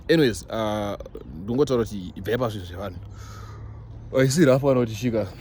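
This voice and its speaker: A young Zimbabwean-accented vlogger chats casually to his followers, talking fast in a fairly low, slightly mellow voice. He's emphatic, repeating himself for stress and mixing in English phrases, recorded on a phone with noisy background ambience.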